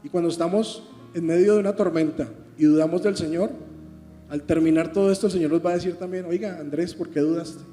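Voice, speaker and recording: A man preaches a sermon, teaching through rhetorical questions put to the congregation. His voice sits high and mellow. It rings with a long church-hall reverb over soft guitar music. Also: steady tone, quick pace.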